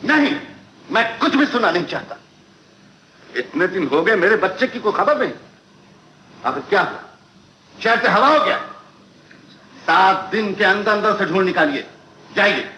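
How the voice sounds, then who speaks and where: A man's voice: high voice, sing-song, unhurried, long pauses, reverberant, slight background noise, heavily acted, rough recording. Angry old grandfather. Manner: shouting orders.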